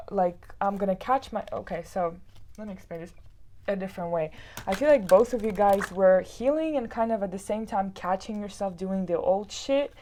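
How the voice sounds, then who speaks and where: A woman's voice: on the low side, a little hiss or hum. A woman giving a casual tarot reading to her viewers, chatty and heartfelt, filling her talk with "like" and "you know.". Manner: reads card texts aloud in a calmer tone. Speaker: tarot card reader.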